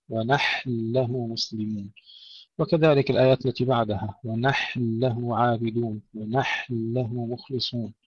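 A man's voice: mid-range voice, a little mellow, slightly rough, no echo. Guy teaching quran recitation rules, mid voice, dry muffled lo-fi recording, stretches out the examples. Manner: explains pronunciation slowly, then recites each example drawn out. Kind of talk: tajweed lesson with recited examples.

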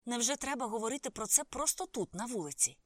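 A woman's voice: fairly high pitch, lively intonation, fast, dry recording, voice pushed up. A woman reading an audiobook voices a guarded, self-assured woman who speaks in a clipped, firm way. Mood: curt.

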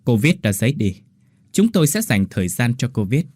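A man voicing a calm, formal uniformed interrogator in a horror story. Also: medium pitch, a little fast, no room sound.

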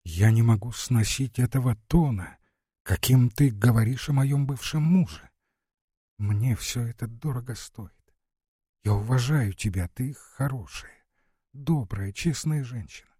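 A man gives voice to a tormented young woman full of bitterness and revenge. The delivery is slow and husky, anguished at first and then furious. The sound is dry and close. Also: mid-range voice, dark tone, dry recording. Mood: pained confession. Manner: anguished, rising to furious outbursts. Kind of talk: audiobook reading.

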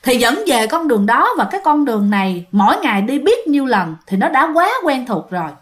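A woman's voice: on the high side, big pitch swings, brisk. A woman telling ghost stories in a chatty way, talking straight to her listeners, with a phlegmy throat. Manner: chatty, addresses listeners directly. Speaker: ghost story narrator. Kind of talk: casual storytelling narration.

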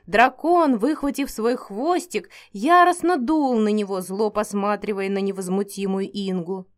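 A woman narrating a first-person fantasy audiobook in a steady storytelling reading. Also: medium pitch, a little slow.

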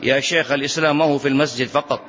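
A man's voice: mid-range voice, fairly even intonation, very fast, a bit bright, slight background noise. A man delivering a religious lesson as a lecturer, speaking emphatically, asking rhetorical questions and repeating key phrases. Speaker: Islamic lecturer. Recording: dull lo-fi lecture recording.

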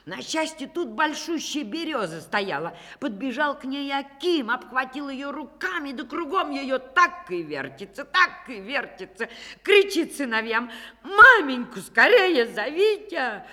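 A woman telling a folk fairy tale aloud, with lively, dramatic shifts between hushed and loud passages. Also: high-pitched, a little slow, hardly any pauses, big-room sound. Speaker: storyteller. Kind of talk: animated fairy-tale reading.

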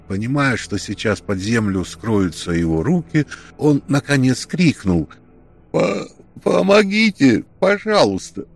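A man narrating a tense story in a steady, measured read. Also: on the low side.

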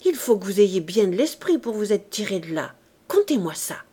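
A woman's voice: mid-range voice, very animated, moderate pace, warm tone, slightly rough. A woman voicing a street-wise young woman who coaxes her father in a childish, wheedling way. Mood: coaxing.

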